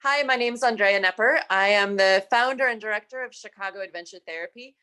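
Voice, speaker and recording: A woman's voice: mid-range voice, fast talker, pushed and bright, smooth. A woman, founder and director of an organization, gives a friendly, enthusiastic welcome address.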